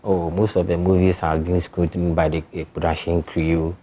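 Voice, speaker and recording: Low, flat-toned man. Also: normal speed. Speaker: festival spokesman. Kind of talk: interview answers.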